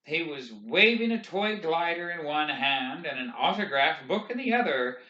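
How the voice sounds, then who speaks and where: A man reading a novel aloud in expressive, measured audiobook narration. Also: fairly high pitch. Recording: roomy, dull lo-fi recording.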